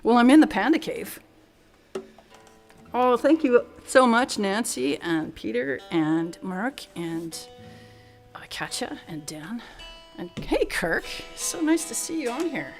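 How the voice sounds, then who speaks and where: A woman's voice: a little high, very animated, faint music behind. A woman musician chatting casually and playfully with viewers between songs on a live stream, her voice drenched in cave-like reverb. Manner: chatty and playful, quick bursts of talk. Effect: heavy cave-like reverb on her speaking voice.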